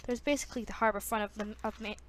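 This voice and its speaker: A woman's voice: medium pitch, fairly even intonation, very fast, slight background noise. A woman casually reading a novel aloud, stumbling, restarting and breaking off with self-conscious asides. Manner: frequent restarts. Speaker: reader.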